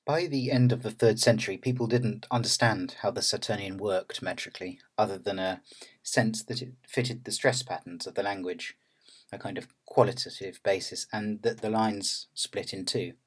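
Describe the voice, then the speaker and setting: A man narrating an academic lecture in a measured, explanatory way. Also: on the low side, fairly even intonation, breathy edge.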